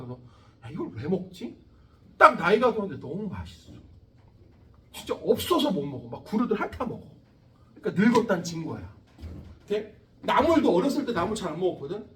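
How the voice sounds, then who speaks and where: Lively high-voiced man teaching class. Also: reverberant, recorded from a distance, a little hiss or hum. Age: 40s. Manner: lively, chatty, asks students questions. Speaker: science teacher. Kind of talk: classroom lecture.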